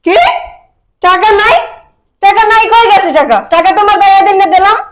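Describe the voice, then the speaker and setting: A woman playing a scolding mother-in-law, very high voice. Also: steady tone, fairly quick, a little hiss or hum. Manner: scolding, demanding. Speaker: actor in a village comedy skit. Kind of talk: skit acting.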